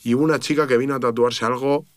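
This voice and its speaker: Spain Spanish male tattoo artist, slangy lively storyteller, dry close sound. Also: medium pitch, quick pace, no echo. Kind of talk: casual podcast chat.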